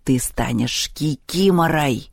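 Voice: medium pitch, expressive, moderate pace, no echo, clean studio sound, lightly acted. A narrator putting on a blustering pagan god. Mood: furious. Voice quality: drawling, shouting, hissing threats. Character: blustering, quick-tempered male supreme god.

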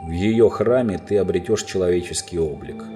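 A man voicing a huge, calm, majestic lion in a storybook reading, speaking slowly and solemnly. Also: over music, lightly acted. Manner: slow, low, solemn.

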